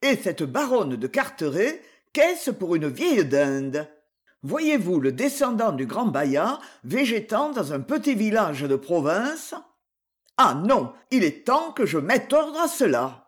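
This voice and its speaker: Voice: medium pitch, sing-song. A reader putting on a haughty indignant nobleman. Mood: puzzled. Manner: haughty, quick to outrage. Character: proud indignant nobleman, adult man. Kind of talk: audiobook character voice.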